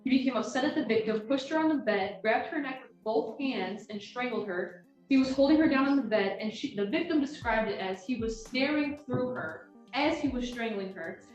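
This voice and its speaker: A woman arguing for the prosecution in a measured, formal way, heard on a courtroom recording. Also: a little high, darkish tone, highs cut off. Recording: echoey distant courtroom recording with faint music.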